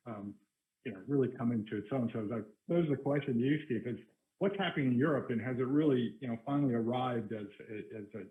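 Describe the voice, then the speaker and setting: Halting man moderating over tinny audio. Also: medium pitch. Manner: halting, many restarts and fillers. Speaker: panel moderator. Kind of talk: moderating a panel discussion. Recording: tinny phone-like video call audio.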